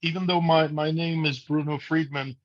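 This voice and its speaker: A man's voice: fairly high pitch, steady tone, normal speed, highs cut off. A man in his seventies from Morocco, speaking earnestly and bluntly during a video call. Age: 70s. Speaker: audience member asking a question. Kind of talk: impassioned monologue on a video call.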